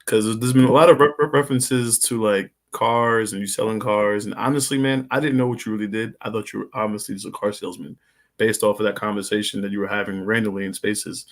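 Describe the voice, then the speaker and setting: A man's voice: on the low side, fairly even intonation, fast talker. A man hosting a live podcast interview, laid-back and friendly with viewers. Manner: laid-back, shouts out listeners. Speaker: podcast host. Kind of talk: casual livestream interview.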